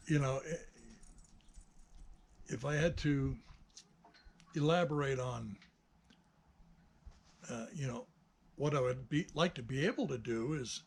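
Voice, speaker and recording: On the video channel he runs as a hobbyist maker, a sixty-nine-year-old man muses in an unscripted vlog, pausing hesitantly and rambling as he thinks aloud. His voice is mid-range, and the recording carries a little hiss or hum.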